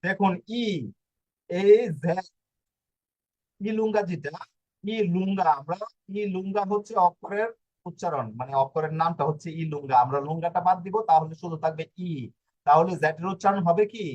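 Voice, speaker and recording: Man, language teacher, slightly high voice, slow and patient, fillers, muffled audio. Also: darkish tone. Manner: explains slowly, with many fillers and restarts. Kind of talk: online language lesson.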